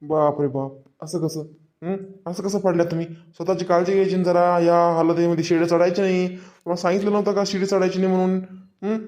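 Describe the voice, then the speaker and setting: A stern male doctor in a cartoon story, voiced by an actor, scolding and giving brisk orders at a middling pitch. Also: little pitch movement, a little mellow, close to an everyday voice.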